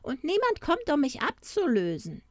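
A woman's voice: high voice, wildly swooping pitch, normal speed, a little mellow, no echo, clean studio sound, voice pushed up. A woman voicing an ancient, weary ferrywoman in a fairy tale, plaintive.

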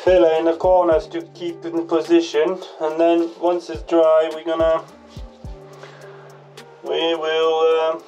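A man vlogging his boat restoration, making brief, unhurried remarks while he glues and fits parts inside the hull. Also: fairly high pitch, monotone, darkish tone, dull audio. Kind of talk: casual workshop commentary. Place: inside a small boat hull under renovation. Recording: distant voice with background music.

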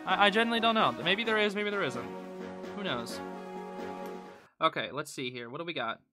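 A young man hosting a game channel, narrating his play in excitable, slangy commentary from a home room at night into a close mic. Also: a little high, fairly quick, over music. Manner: excitable, slangy, bursts into yelling. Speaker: gaming channel host. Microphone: close desk mic.

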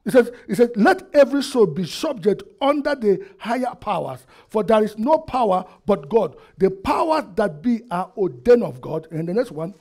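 Pastor, high voice, preaching loud then soft, quizzing the congregation, headset mic in a church hall. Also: male voice, very animated, moderate pace, few pauses. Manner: call-and-response preaching, swinging between loud and quiet. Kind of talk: sermon. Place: church hall with projector screen, indoors.

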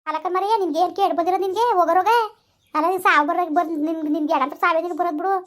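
A woman playing a quick-tongued village wife who argues back and curses her husband in a comedy skit. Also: fairly even intonation. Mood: cursing. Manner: argumentative, shrill, cursing.

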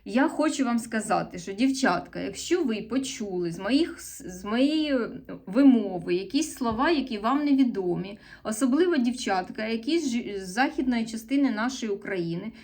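A woman's voice: a little high, animated, normal speed, a little mellow. Chatty woman with a Sumy accent. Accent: Sumy eastern Ukrainian. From Sumy region, eastern Ukraine. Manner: chatty, rambling, with frequent self-corrections; earnest and a little defensive when answering comments. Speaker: vlogger. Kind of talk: casual vlog chat to camera.

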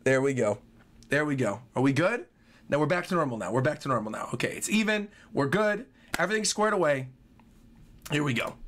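Reacting to game trailers on a live stream, a young adult man chats enthusiastically in a small indoor bedroom while trailer music runs. His pitch is a little high and his tone fairly bright, with lively intonation and a brisk pace. He tends to repeat phrases.

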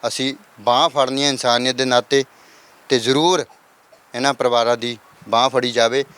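A man's voice: medium pitch, fairly even intonation, moderate pace, a bit bright, smooth. A man reporting on location from a flooded village, earnestly appealing to viewers for help. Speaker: field reporter.

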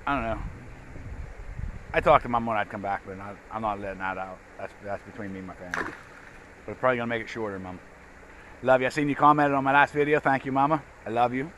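A man's voice: medium pitch, fairly bright tone, a little hiss or hum, poor audio. A man, chatting loosely in an outdoor vlog by a river, speaking into an action camera. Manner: rambling, folksy, repeats himself. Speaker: gold prospecting vlogger. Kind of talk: casual outdoor vlog narration.

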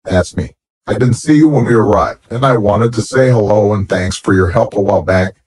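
A man voicing a polite blonde werewolf woman in an audiobook, in a husky, even voice. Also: fairly low pitch, normal speed, no echo, rough recording.

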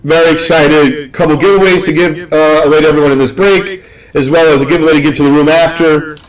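Man, young adult, card break host, live stream chat, excitable, rambling, slightly high pitch. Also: quick pace, rough recording. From Northeast US.

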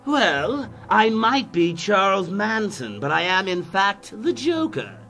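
A theatrical clown villain from a comic-book drama, gleeful and menacing. The voice swoops widely and takes its time, drawling every taunt with sardonic relish. Music plays underneath. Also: male voice, sits high, very animated, takes it slowly, vocal fry, bright, forceful tone, exaggerated voice. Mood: mocking.

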